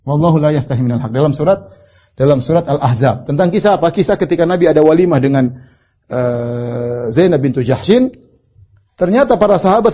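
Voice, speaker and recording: A middle-aged man preaching a religious study lecture, reciting Arabic and explaining it, with animated storytelling and acted-out quotes. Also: on the high side. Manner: animated storytelling, acts out quoted lines in raised voice. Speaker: Islamic preacher teaching a book. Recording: dull lo-fi lecture recording.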